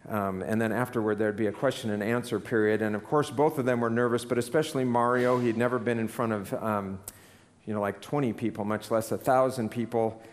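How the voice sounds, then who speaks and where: A man giving a sermon, telling a story in an earnest, unhurried way. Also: lowish voice, steady tone, in a large hall. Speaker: preacher.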